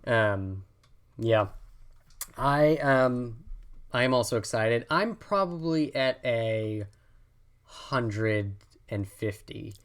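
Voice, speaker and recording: Woman cohosting a chatty podcast, deep-ish voice that jumps all over, giggly and excitable. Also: drawn-out words, long pauses. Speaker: podcast co-host. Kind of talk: casual chat. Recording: audio-only podcast.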